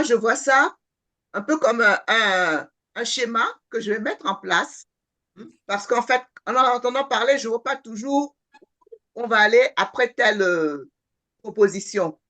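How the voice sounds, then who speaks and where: A woman's voice: fairly high pitch, normal speed, bright, forceful tone. Hesitant woman thinking aloud. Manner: hesitant, searching for words. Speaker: webinar participant.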